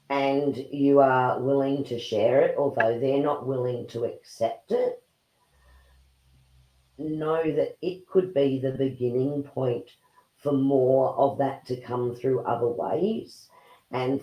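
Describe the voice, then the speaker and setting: A woman co-hosts a livestream over a video call, encouraging and reading out messages. Her voice is warm and mellow, with an echoey room ringing around it. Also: a bass voice. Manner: encouraging, reads out messages and adds advice. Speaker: livestream co-host. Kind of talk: casual livestream chat.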